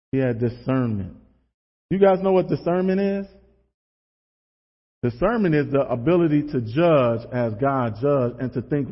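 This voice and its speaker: A man giving a casual, conversational sermon, relaxed and asking the audience rhetorical questions. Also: fairly high pitch. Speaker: preacher. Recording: dull lo-fi sound with long hall reverb.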